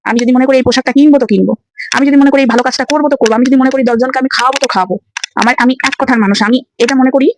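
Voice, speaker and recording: A woman vlogger, delivering a forceful, repetitive rant straight to camera and demanding proof. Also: high-pitched, racing, noisy background. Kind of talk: angry direct-to-camera rant.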